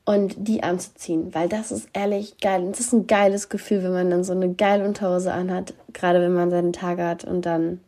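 A woman's voice: on the low side, little pitch movement, a little fast, few pauses, mellow. A woman hosting a show, chatting casually and candidly to listeners in a slangy way with English phrases mixed in.

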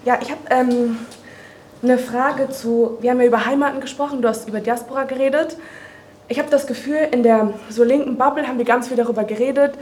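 A young woman speaks earnestly from the audience, her high voice rising with each question. A faint hum of the room sits behind her. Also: steady tone, brisk, darkish tone. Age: young adult. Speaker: audience member asking a question. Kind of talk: question from the floor.

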